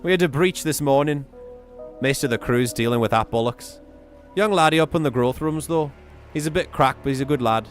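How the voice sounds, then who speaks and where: A man voicing a gruff, balding dock guard with a Northern English accent, bellowing rough and blunt. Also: mid-range voice, a little fast, faint music behind, voice pushed up, natural voice.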